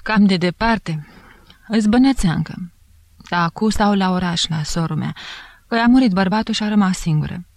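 A woman voicing a young peasant servant woman who wails and protests in loud country speech. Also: medium pitch, no room sound, lightly acted. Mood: guarded.

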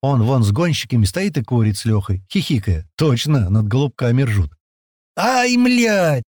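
A man narrates a first-person audiobook in a casual, colloquial manner. His pitch is animated and swings widely, while the recording is dry and close with no room sound. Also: a little fast, no room sound. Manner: lively, colloquial storytelling.

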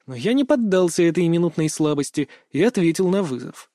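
Man reading an audiobook, kind of high voice, wry and grumbly, dead dry sound. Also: expressive, fairly quick, warm tone, no echo. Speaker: audiobook narrator. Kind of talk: first-person audiobook narration.

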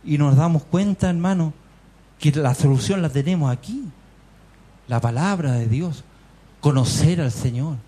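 A man's voice: on the high side, unhurried, long pauses, mellow, breathy edge. A man with a Chilean accent preaching a fervent sermon in a church meeting hall, firing rhetorical questions and calling his listeners brothers. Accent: Chilean Spanish. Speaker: lay preacher.

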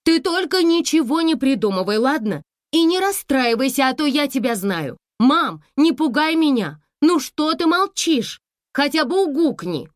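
A woman reading an audiobook voices a grown daughter who pleads rapidly and breathlessly over the phone. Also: high voice, sing-song, no echo, clean studio sound, voice pushed up. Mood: pleading, excited.

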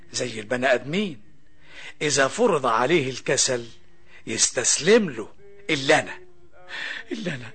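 A man's voice: medium pitch, pushed and bright, slightly rough, full character voice. An actor with an Egyptian accent playing a talking banknote, a yearning captive who tells his tale to the audience in florid, plaintive narration. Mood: brooding, dramatic. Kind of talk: theatrical storyteller narration addressed to the audience.

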